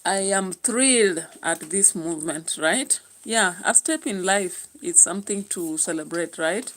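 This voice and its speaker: Kenyan woman doing a political commentary vlog, lowish voice, bright and punchy, lots of uhs. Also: animated, slight background noise. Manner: chatty, musing aloud, pausing with fillers. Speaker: YouTube channel host.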